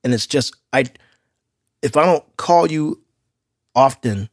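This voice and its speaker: A man's voice: mid-range voice, expressive, takes it slowly, no room sound, studio quality. Casual, slangy man chatting on a podcast. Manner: outgoing. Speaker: podcast co-host.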